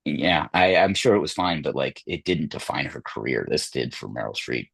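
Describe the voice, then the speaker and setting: Super deep voiced guy hosting a movie podcast, husky, rambly, lots of ums and likes. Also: animated, moderate pace, a bit bright, no echo. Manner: rambling, hesitant, full of fillers. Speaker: podcast host. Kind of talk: casual chat about film awards.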